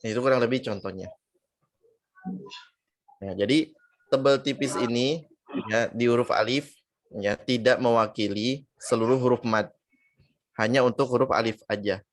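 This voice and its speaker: A man's voice: medium pitch, moderate pace, pauses often, dry recording. A man teaching Quran recitation in an online lesson, explaining patiently and drawing out and repeating sample syllables to show the sounds.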